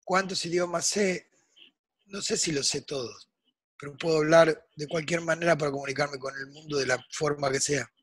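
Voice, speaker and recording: Husky older Rioplatense man, impassioned. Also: fairly high pitch, steady tone, normal speed. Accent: Rioplatense Spanish. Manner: emphatic, swings from hushed to loud. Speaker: guest musician. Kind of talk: impassioned interview monologue.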